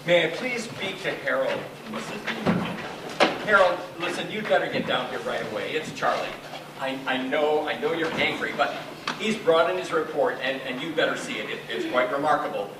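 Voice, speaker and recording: A man's voice: mid-range voice, animated, natural voice. Man as a stammering, nervous scientist. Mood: urgent. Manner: stammering, hurried. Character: nervous male scientist making an urgent phone call. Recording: echoey stage recording from far off, hissy.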